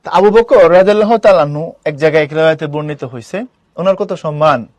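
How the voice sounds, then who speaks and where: A man's voice: a little high, fast talker, darkish tone, no echo. A man teaching a live online class, explaining patiently and putting questions to his students.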